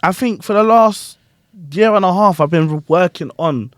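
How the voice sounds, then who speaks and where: Speaking at a normal speed in a high voice, a podcast host and grime MC chats about performing. He's animated, uses plenty of slang, keeps checking on his guests, and repeats "you get what I'm saying." The sound is studio quality with no echo.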